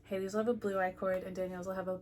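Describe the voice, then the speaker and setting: A young woman co-hosting a casual knitting podcast, relaxed and friendly as she walks through her projects. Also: medium pitch, rapid-fire, slight background noise. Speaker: podcast co-host.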